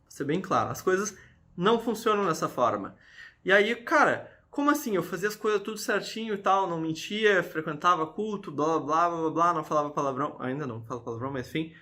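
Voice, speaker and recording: A man's voice: on the high side, expressive, fairly quick, sharp tone. A man, talking to camera in an earnest, confessional way about his faith. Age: early 20s. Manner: earnest, preachy, addresses viewers directly with frequent "tá?". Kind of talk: casual confessional talk to camera.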